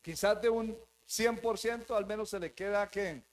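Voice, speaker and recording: High-voiced man preaching a sermon. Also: moderate pace, a little hiss or hum. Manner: emphatic, repeats phrases, addresses the congregation as brothers. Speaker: pastor. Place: church, before a live congregation.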